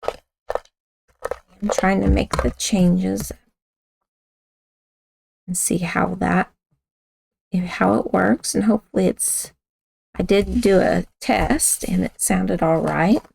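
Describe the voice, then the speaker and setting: A woman with a raspy, gravelly voice walks through a card-making craft at an unhurried pace. She chats loosely, correcting herself as she works. The sound is close and dry. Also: mid-range voice, fairly even intonation, darkish tone, dry recording. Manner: chatty, talks while working with hands, self-correcting. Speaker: craft instructor. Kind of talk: casual craft tutorial.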